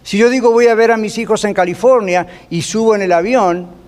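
A man's voice: high voice, fairly quick, darkish tone. A middle-aged man preaching a sermon as a pastor, telling an everyday story and slipping in English phrases. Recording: long reverb from a hall.

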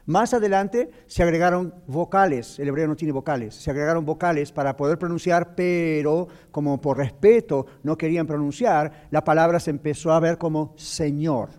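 Mellow-voiced man teaching on radio. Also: on the high side, moderate pace, hardly any pauses. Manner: explanatory, preacherly, mixes English words. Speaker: radio show host, doctor. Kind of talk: radio talk on Bible teaching.

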